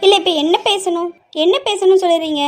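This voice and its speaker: In this amateur audio drama, a very high, thin voice plays a bold young village woman, acted by a woman. She talks in a bossy, playful way and keeps coaxing and pushing. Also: fairly even intonation, fairly quick, soft background music. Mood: sulky. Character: cheeky young village woman, pushy and teasing.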